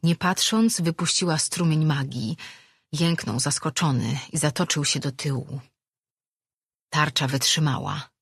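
An audiobook narrator reading a fantasy novel with a steady, even delivery. The voice is husky and mid-pitched. It sounds close and dry. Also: unhurried, dry recording. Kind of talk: scripted narration.

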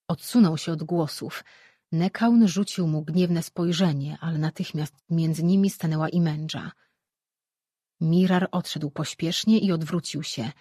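An audiobook narrator reading a fantasy novel in an even, measured way, close to a studio mic. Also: mid-range voice, slightly rough, no echo. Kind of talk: scripted narration.

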